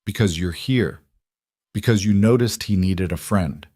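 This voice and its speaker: A man reading the lines of a gentle, earnest single mother in a dramatized story, in a soft, sincere way. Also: low voice, a little slow, no echo, clean studio sound.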